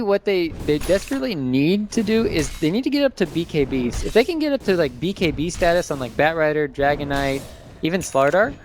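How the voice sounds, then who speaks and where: A man's voice: fairly high pitch, a little hiss or hum. A man giving live analysis as a co-commentator on a video game match, conversational and thinking aloud as he restates his points.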